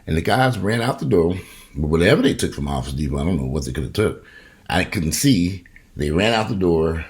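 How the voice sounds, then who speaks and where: A middle-aged man, casually telling a rambling, profane story in a video diary. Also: extremely low pitch. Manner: rambling, profane, animated retelling with quoted voices. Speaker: vlogger.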